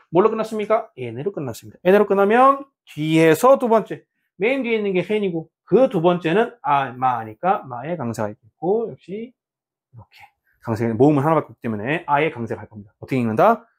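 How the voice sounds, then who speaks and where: A man whose voice sits on the high side gives a beginner Spanish lesson in Korean, repeating sample words slowly and questioning his students.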